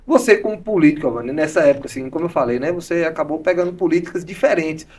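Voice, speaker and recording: Fast-talking podcast host, slightly distant. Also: male voice, on the high side. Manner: quick, agreeable interviewer, frequent affirmations. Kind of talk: podcast interview.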